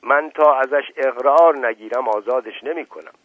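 A man's voice: medium pitch, no echo, pitched above the performer's own voice, natural voice. A man doing a pompous, irritable old uncle. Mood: angry. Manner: angry, forceful, impatient. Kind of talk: audiobook reading. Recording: tinny lo-fi radio broadcast, dry.

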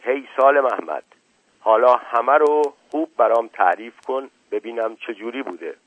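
A man's voice: medium pitch, expressive, slightly rough, no room sound, narrow, tinny audio. A man voicing a firm, commanding village elder. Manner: firm, decisive.

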